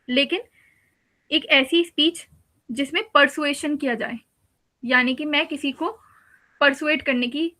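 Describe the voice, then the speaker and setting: A woman's voice: high-pitched, pushed and bright. A woman teacher giving a patient exam-prep lecture, explaining step by step with repeated examples. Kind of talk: exam-prep lecture mixing Hindi and English.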